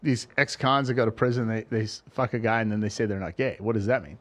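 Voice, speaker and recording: A man's voice: fairly low pitch, fast talker. Middle-aged man hosting a casual chat. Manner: relaxed, curious, stammering repetitions. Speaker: podcast host. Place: Las Vegas area.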